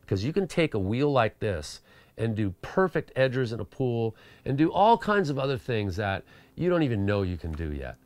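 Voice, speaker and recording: A man's voice: medium pitch, normal speed, dry recording. A man, a pro skateboarder, telling a casual anecdote, acting out the dialogue and filling his talk with "you know" and "like". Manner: animated, acts out quoted dialogue. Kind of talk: storytelling anecdote.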